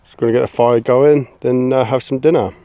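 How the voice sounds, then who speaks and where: A young English man, a bushcraft vlogger, chats casually to his handheld camera while walking through woodland and camping on a grassy site with his son. His voice is medium-pitched and warm, slightly fast, with fairly even intonation and no echo.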